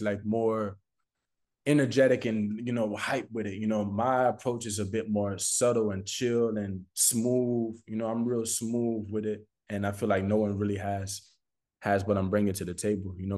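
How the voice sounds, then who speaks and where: Lowish and a bit mellow, this man is an American recording artist from Florida being interviewed. His casual talk is slangy and informal, with phrases repeated for emphasis.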